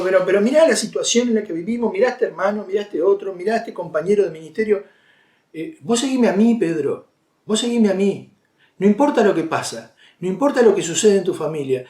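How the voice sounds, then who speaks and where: A man's voice: sits high, darkish tone, reverberant. A man with an Argentine accent preaching a sermon in a conversational way, with many fillers and restarts. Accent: Argentine Spanish.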